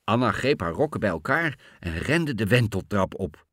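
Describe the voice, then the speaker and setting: Lively, bright male storyteller. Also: on the low side, normal speed, no echo, studio quality. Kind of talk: reading a fairy tale aloud.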